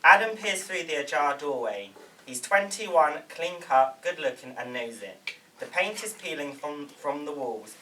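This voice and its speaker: At a table read, a man reads the script's stage directions aloud, stumbling slightly over some words. His voice is on the high side, bright and forceful, with lively intonation and an unhurried pace, captured by a distant mic with faint room noise.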